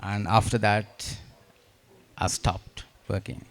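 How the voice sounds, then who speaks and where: Male panel guest, low creaky voice, measured and halting, reflective answers. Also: fairly even intonation, a little hiss or hum. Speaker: panel guest, former humanitarian worker.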